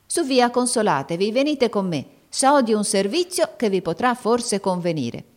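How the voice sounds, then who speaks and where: Woman putting on a shrill, unctuous old crone. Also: big pitch swings, normal speed, close to an everyday voice. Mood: wheedling. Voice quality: shrill yet caressing, unctuous. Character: ugly old woman, wheedling and sly.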